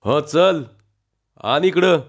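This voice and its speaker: A man's voice: on the high side, extremely slow. A man doing a bossy village constable. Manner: gruff, bossy, mock-official police tone. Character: bullying skinny village police constable, man. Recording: dull lo-fi recording.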